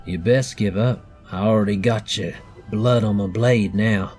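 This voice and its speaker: A man voicing a gruff male swordsman who threatens his foe in a put-on accent during a tabletop game. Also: fairly low pitch, measured pace, a little mellow, soft background music. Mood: threatening.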